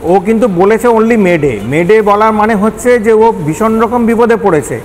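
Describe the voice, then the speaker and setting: Speaking at a moderate pace in a high-sitting voice, a retired air traffic control manager with a Kolkata Bengali accent explains matters step by step for a news interview. The older expert drops English technical terms into his answers, recorded in an echoey hall with noise in the background.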